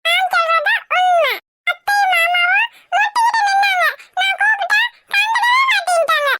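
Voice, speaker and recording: A woman voicing a chattering little girl who tattles, in a cartoon with a whiny, squeaky manner. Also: normal speed, loud music behind the voice. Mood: tattling. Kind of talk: cartoon voice acting.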